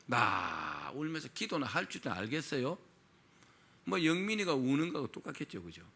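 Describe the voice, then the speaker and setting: Gravelly, lively male pastor preaching. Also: mid-range voice, normal speed. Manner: storytelling with frequent rhetorical questions to the congregation. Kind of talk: sermon.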